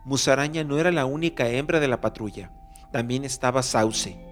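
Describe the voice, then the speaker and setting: Male audiobook narrator over music. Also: medium pitch. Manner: measured, even reading. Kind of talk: scripted storybook narration. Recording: background music bed.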